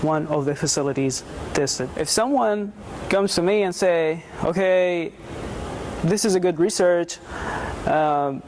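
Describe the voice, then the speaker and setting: A young man from Jordan, a graduate student, calmly explaining his research in a measured, step-by-step way. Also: a little high, a little hiss or hum. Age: young adult. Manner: measured, explanatory, some restarts.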